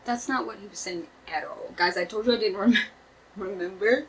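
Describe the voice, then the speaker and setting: A woman's voice: mid-range voice, moderate pace, poor audio. A woman streamer casually reacting to a true crime video, chatty and laughing, with swearing asides.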